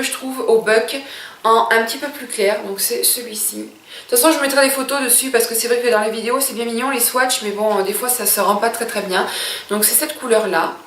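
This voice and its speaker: A woman's voice: on the high side, fairly bright tone, reverberant, recorded from a distance, a little hiss or hum. A woman beauty vlogger reviewing makeup in a chatty, gushing way, with many hesitations.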